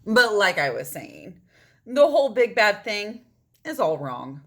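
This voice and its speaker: Woman reading as animated, self-justifying storybook wolf. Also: medium pitch, a little slow. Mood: confiding, aggrieved. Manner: conversational, theatrically emphatic, aggrieved. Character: chatty, self-justifying male wolf, wronged storybook narrator. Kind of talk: storybook read-aloud, first-person narration.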